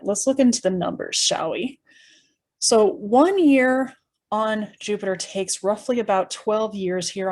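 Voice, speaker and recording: A woman's voice: medium pitch, darkish tone. A woman presenting an educational tour in a conversational, explanatory way, with informal asides and rhetorical questions.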